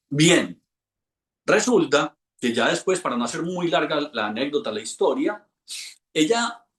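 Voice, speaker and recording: Guy teaching a class, tells stories all animated, kinda high voice, echoey room. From Colombia. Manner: animated storyteller, acts out quoted voices. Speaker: hypnosis instructor. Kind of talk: storytelling anecdote in a class.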